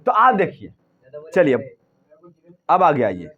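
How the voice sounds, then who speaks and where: Male teacher, high and animated voice, quizzes the class over and over. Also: takes it slowly, phone-quality sound. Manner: drills students with repeated questions. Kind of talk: classroom lesson.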